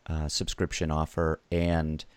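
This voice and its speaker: A man hosting a podcast interview, relaxed, with small laughs and affirmations. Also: rumbling low, unhurried, clean tone, dry recording. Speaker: podcast host. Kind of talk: casual interview chat.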